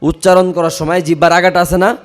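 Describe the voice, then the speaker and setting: Man teaching Quran recitation, chanting slowly. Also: high-pitched, little pitch movement. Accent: Bangladeshi Bengali. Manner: chants verses slowly and drawn out, then explains briskly with many checking questions. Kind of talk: classroom recitation lesson. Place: madrasa classroom.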